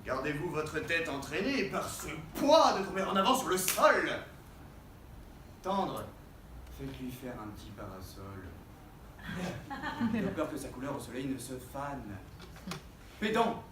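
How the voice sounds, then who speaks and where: A roomy, distant recording carries a proud, mocking swordsman-poet. The delivery is hammy and declamatory classical theatre verse, high in pitch and wildly swinging from hushed asides to booming cries. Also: big pitch swings, unhurried. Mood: showy mockery. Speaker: stage actor. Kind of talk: theatrical verse monologue, French classical stage acting. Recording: roomy, distant mic, faint background noise.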